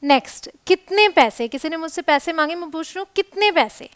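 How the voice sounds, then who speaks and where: A woman teaching spoken English phrases, giving each one in Hindi and then saying the English slowly, often twice. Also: very high-pitched, lively intonation, fairly bright tone, dry recording.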